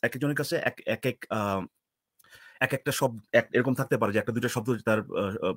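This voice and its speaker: A man's voice: mid-range voice, a little fast, fairly bright tone, dry recording, clean studio sound. A man on a panel in a casual live discussion, hesitant and searching for his words. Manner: hesitant, many fillers and restarts while searching for words.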